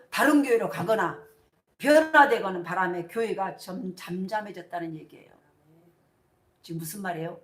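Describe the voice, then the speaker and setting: Preaching from the sanctuary, this middle-aged senior pastor speaks in a mid-range voice, animated and full of call-and-response questions. It's a sermon captured from a distance, with the echo of a spacious church hall.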